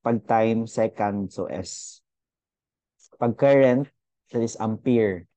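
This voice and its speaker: A man's voice: lowish voice, slow pace, warm tone, dry recording. A young man teaching a casual physics lesson, chatty and thinking aloud with fillers as he goes through units.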